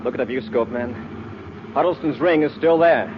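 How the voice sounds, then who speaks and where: An American actor playing an earnest, authoritative space patrol commander in a 1950s radio adventure serial. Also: male voice, mid-range voice, moderate pace, natural voice. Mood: relieved, proud. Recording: noisy muffled old radio recording.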